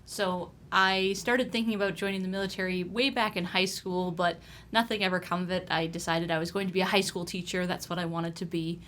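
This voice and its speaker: A woman's voice: fairly low pitch, steady tone, brisk, a bit bright, slight background noise. A young woman from Ontario, a podcast guest telling her story in a chatty, hesitant way with many fillers. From Ontario, Canada. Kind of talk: casual interview.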